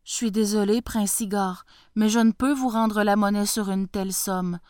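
A woman's voice: mid-range voice, steady tone, normal speed, a little mellow, clean tone, no echo, studio quality, lightly acted. A woman voicing a humble, anxious old clockmaker and father, who speaks in a worried, hesitant way.

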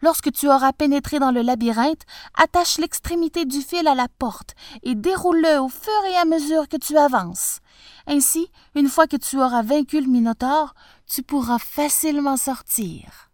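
A woman voicing a devoted young princess, soft and pleading. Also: high voice, normal speed, no echo, clean studio sound, voice pushed up, lightly acted.

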